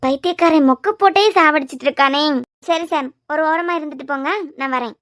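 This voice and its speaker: A woman's voice: high voice, fairly bright tone, no echo, clean studio sound. A woman voicing a sarcastic young cartoon wife. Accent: Kanyakumari Tamil. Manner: sarcastic, quick comebacks. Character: sharp-tongued young wife, exasperated. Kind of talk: cartoon voice acting.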